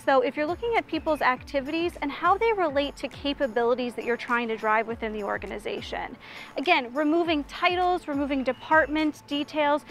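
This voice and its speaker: Woman in her 30s, consultant, earnest explanations, high voice, park, lapel mic. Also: fairly bright tone. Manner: earnest, explanatory, with restarts and fillers. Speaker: management consultant. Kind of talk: outdoor walk-and-talk interview. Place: outdoor city park.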